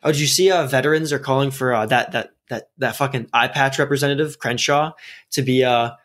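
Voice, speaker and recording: A man's voice: mid-range voice, a little fast, a bit bright. A young American man bantering casually as a podcast host, talking like a frat bro with lots of slang and swearing.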